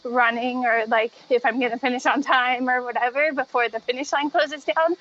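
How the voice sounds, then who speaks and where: A woman's voice: high voice, fairly even intonation, normal speed, fairly bright tone. A woman talking casually and chattily as a guest in a podcast interview about her own experience. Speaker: podcast guest, treadmill runner. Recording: dull, muffled lo-fi audio.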